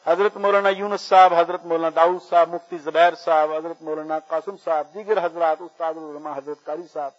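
A man leading a slow, drawn-out prayer at a gathering. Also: fairly high pitch, steady tone. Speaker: prayer leader. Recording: muffled and distant from mic.

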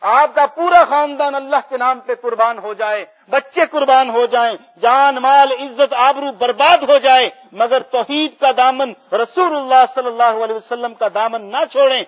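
A man's voice: high voice, steady tone, hardly any pauses, fairly bright tone. A man playing a fervent young boy. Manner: fervent, rising declaration. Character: earnest boy explaining patience, fervent. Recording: muffled lo-fi recording.

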